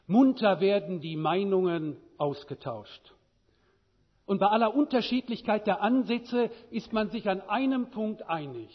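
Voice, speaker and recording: Slow, husky male preacher in a hall. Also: high voice, dull audio. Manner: rhetorical questions, measured delivery. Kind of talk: sermon.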